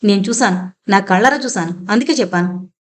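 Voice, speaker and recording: A woman's voice: medium pitch, lively intonation, a little fast, close to an everyday voice. A woman narrator voicing a young married woman who is frightened but defiant and pleads for her son.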